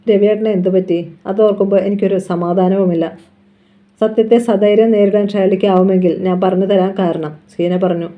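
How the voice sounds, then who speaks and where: A reader tells a novel in a steady, even storytelling voice. The pitch sits in the middle range. The recording is dull and lo-fi. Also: brisk. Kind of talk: scripted novel narration.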